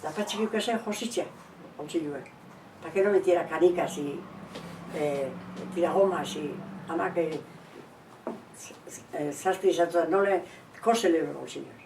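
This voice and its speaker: An older woman with a Basque accent, an interviewee telling animated memories and switching between two languages. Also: low voice, a little slow, pauses often, echoey room, distant mic, a little hiss or hum, low-quality recording. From Basque Country. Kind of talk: oral history recollection.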